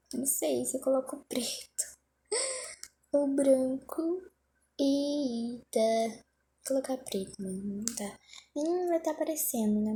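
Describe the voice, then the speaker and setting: A woman's voice: fairly high pitch, mellow. Flustered young woman vlogger. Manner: flustered, hurried, self-mocking. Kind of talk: casual self-talk during a timed phone challenge.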